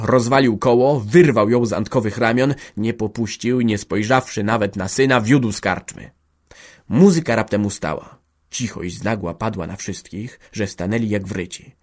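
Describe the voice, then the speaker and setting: Male narrator, lowish voice, dramatic literary audiobook reading.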